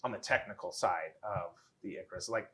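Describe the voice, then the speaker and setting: A man's voice: on the low side, normal speed, pushed and bright. A man hosting a casual interview, agreeable and easygoing, affirming his guest as he talks. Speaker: host.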